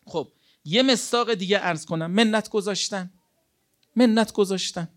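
Fairly high-voiced earnest male preacher. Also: fairly bright tone. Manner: rhetorical questions, acts out imagined dialogues; earnest, exhortative. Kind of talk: sermon.

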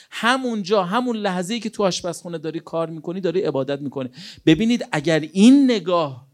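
An earnest male preacher with a fairly high voice delivers a sermon. He talks directly to the listeners and drives each point home with rhetorical questions. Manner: rhetorical questions, acts out imagined dialogues; earnest, exhortative.

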